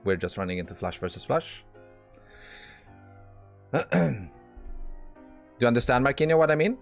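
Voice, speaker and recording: Here the poker streamer has a medium-pitched, gravelly, sing-song voice at a moderate pace, again with soft music behind him. He commentates live on his online poker game in a blunt, exasperated way, swearing a lot and frequently starting sentences over.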